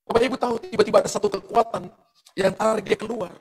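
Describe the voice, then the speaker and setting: A middle-aged male pastor preaching a sermon in church, telling a story with lively testimony and speaking straight to the congregation. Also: sits high, fast, low-quality recording. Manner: animated storytelling testimony, addressing the congregation directly.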